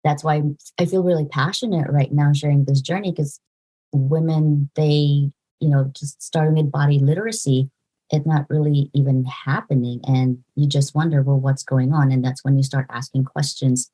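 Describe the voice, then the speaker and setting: A woman in her forties from the Philippines, a podcast guest speaking in an earnest, halting way with fillers and restarts. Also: deep voice, fairly even intonation, warm tone. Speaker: podcast guest, nurse practitioner. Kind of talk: casual interview conversation.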